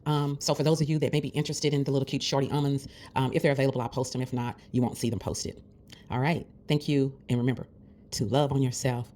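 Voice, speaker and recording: A woman's voice: a bass voice, fairly even intonation, quick pace, mellow, slight background noise. A woman vlogger chatting through a nail tutorial, calling viewers besties in a friendly, encouraging way, with the hiccups. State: has the hiccups. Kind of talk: casual tutorial chat.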